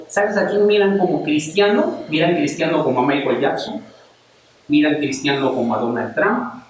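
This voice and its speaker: A man's voice: on the high side, slight background noise. A man preaching a passionate sermon to a congregation, firing rhetorical questions at them as he speaks. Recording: very echoey church hall, mic at a distance.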